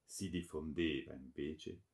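A man narrating a classic novel in a theatrical, expressive reading. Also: rumbling low, slow pace, vocal fry.

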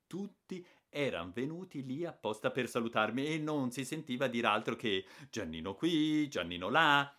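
A man reading a children's novel aloud as an expressive audiobook narrator. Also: fairly low pitch. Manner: expressive, lively storytelling.

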